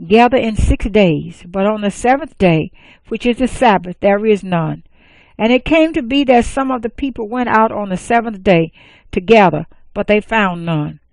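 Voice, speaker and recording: A woman reading scripture aloud, measured and even, with careful pauses. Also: medium pitch, vocal fry, no echo. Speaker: scripture reader.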